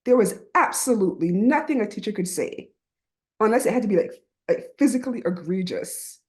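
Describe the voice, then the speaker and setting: A woman's voice: medium pitch, expressive, fairly quick. A middle-aged woman from Barbados with a Barbadian accent, speaking earnestly and reflectively as a podcast guest, often checking in with "right?". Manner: earnest and reflective, with frequent "right?" and soft laughs. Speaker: guest, writing program founder. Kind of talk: reflective conversational interview.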